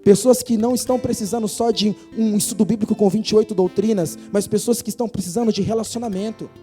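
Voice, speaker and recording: A man with a Brazilian Portuguese accent preaching a sermon in a church, earnest and building to forceful emphasis. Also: sits high, steady tone, fast talker, soft background music. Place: church hall.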